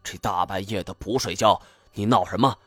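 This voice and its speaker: A man voicing a coarse, bad-tempered rural husband who talks gruffly and swears. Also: deep voice, moderate pace, fairly bright tone, no room sound. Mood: grumbling.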